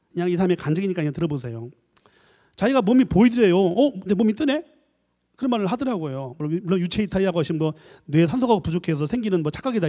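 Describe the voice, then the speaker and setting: A man, a professor, giving a lively church lecture, acting out little dialogues and coaxing his listeners. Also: high voice. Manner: animated, acts out dialogues, coaxing the audience. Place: church hall. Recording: long hall reverb.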